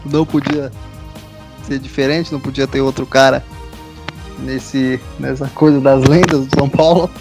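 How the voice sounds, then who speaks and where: A man's voice: medium pitch, level tone, moderate pace, music in the background. A Brazilian man in casual, conversational football chat as a show host.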